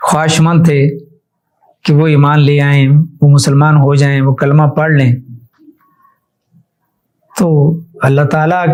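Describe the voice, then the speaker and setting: A man, an Islamic scholar, giving an emphatic religious lecture, repeating phrases for stress and reciting Arabic phrases slowly. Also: a little high, darkish tone, poor audio. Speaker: Islamic scholar teaching hadith.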